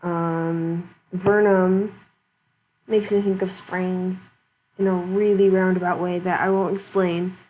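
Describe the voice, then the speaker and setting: A woman's voice: fairly low pitch, level tone, takes it slowly, darkish tone, poor audio. A woman streamer giving casual let's-play commentary, chatty and giggly, thinking aloud with the hiccups.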